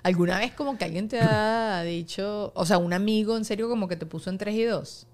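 A woman's voice: mid-range voice, fairly quick. A woman hosting a casual podcast chat, candid and reflective as she muses aloud. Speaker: podcast host.

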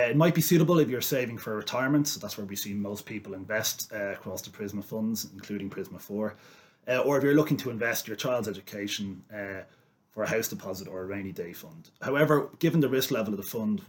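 A man giving measured, formal explanations as an investment expert on a finance podcast. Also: fairly low pitch.

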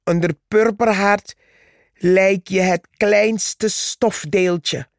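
A woman voicing a haughty, boastful male plant who sneers and taunts, read slowly with a gravelly edge. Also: mid-range voice, expressive, no room sound, clean studio sound, voice pushed up. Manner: scornful, shouting taunts.

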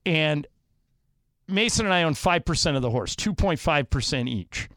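A man co-hosting a sports talk radio show, telling stories with animated delivery in a studio. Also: a little high, normal speed, no echo. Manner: animated storyteller, acts out quotes. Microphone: studio microphone.

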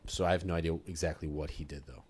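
Deep-voiced young man telling a story. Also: very fast, breathy edge. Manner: animated, swears freely, acts out voices in quotes. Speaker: podcast co-host telling a story. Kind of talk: casual storytelling chat.

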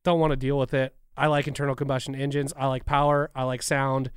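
A man's voice: medium pitch, little pitch movement, fast, clean tone, no room sound, studio quality. A man co-hosting a casual talk show, giving opinions in an informal, slangy way.

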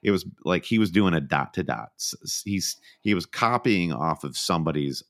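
A man's voice: deep voice, expressive, moderate pace, fairly bright tone. A man co-hosting a casual football podcast, laying out earnest, opinionated analysis in long run-on sentences. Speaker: podcast co-host.

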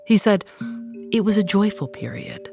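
An American woman with a raspy, hoarse voice, reading scripted narration and credits as a podcast host. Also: medium pitch, expressive, normal speed, over loud music. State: getting over hoarseness.

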